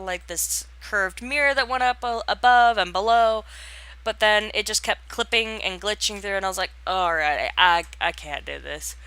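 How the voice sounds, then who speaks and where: A young woman talks through her game build in a loose, rambling way, stopping and restarting her sentences often. Her voice is bright and forward, and the recording is dry with no room sound. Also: medium pitch, no echo. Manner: rambling, hesitant, lots of fillers and restarts; yawns and laughs while talking. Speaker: gaming channel host. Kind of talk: casual voice-over commentary on a home build.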